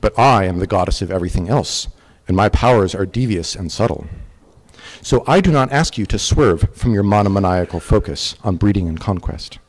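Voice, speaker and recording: A serene goddess of all life speaks in a soft, lilting, measured way, as a man reciting the poem gives her voice. The voice sits a little low and keeps an even, quiet strength. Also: low-quality recording. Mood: gently persuasive. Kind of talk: poetry recitation.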